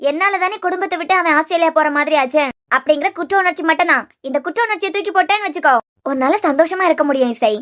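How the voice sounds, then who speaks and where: In this piece of TV serial acting, a woman takes the role of a motherly middle-aged aunty comforting a girl in tears. She speaks at a racing pace in a very high-pitched, slightly bright voice, firm and consoling, with a light scolding edge.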